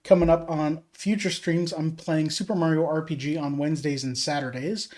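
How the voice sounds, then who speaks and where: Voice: medium pitch, steady tone, normal speed, darkish tone. A livestreamer chatting casually while crafting. The mic is off its stand, so the voice sounds echoey and roomy, with frequent "uh" fillers. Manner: easygoing and chatty, with many "uh" fillers. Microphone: desk mic moved off its stand for crafting. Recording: echoey room, mic set away from the speaker.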